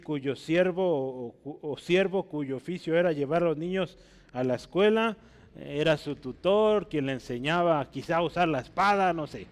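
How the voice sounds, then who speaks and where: A man preaching a teaching sermon, checking in with "¿verdad?" and climbing to emphatic peaks on key words. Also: on the high side. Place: church hall. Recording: long hall reverb.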